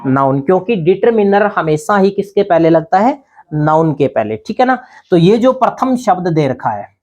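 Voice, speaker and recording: A man's voice: high-pitched, darkish tone. Male teacher checking "thik hai na?". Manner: explains step by step, asks and answers own questions. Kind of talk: grammar lesson.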